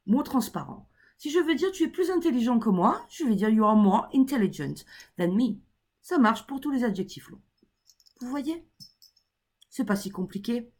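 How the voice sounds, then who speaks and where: A woman with a slightly husky voice teaches a grammar lesson, her pitch rising and falling a lot as she talks. She checks in with her class often and spells out letters slowly. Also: a little mellow. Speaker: English teacher.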